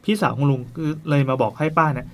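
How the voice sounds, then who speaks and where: A man telling a ghost story at a brisk clip, his voice sitting at an ordinary middle pitch. He keeps it casual and chatty, breaking off now and then for playful asides to his listener. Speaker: storyteller host.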